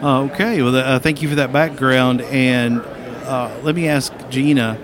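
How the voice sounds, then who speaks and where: A male podcast host interviews guests live on a busy convention floor. His mid-range voice moves haltingly through introductions and questions, with the clear bustle of a crowd all around him. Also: medium pitch, fairly even intonation. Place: busy convention expo hall. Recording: busy expo hall crowd behind. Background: crowd and hall bustle.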